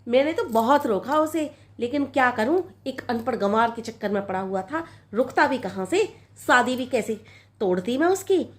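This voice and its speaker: A woman's voice: fairly high pitch, animated, moderate pace, natural voice. A woman playing a scolding old mother-in-law. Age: older. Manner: nagging, scolding, repetitive complaints. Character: scolding older mother-in-law, proud and sharp-tongued. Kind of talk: comic sketch acting.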